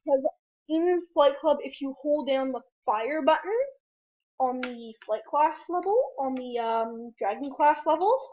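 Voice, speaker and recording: A woman's voice: high voice, expressive, a little slow. A woman talking casually through a video game walkthrough, chatty and unsure, with lots of ums and self-corrections. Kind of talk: casual gameplay commentary. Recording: dull lo-fi voice over loud game music.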